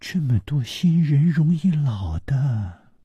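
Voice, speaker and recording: A man voicing a gentle, frail young woman who speaks softly and tenderly. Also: lowish voice, very animated, slow, husky, no echo, voice pushed down, heavily acted. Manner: soft, tender, half-whispered.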